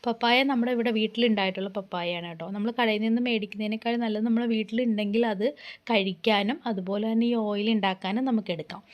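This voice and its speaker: Hoarse woman giving a chatty home tutorial. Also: medium pitch, steady tone, fast, dull audio. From Kerala, India. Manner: chatty, explains step by step, often adds reassuring tags. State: hoarse from a cough. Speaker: home remedy vlogger.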